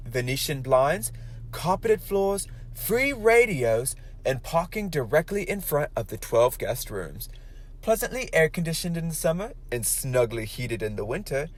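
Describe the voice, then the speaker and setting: A man playing a genial, polished announcer in a 1940s-style radio play, reading the breaks and an advert in a salesy way. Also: on the high side.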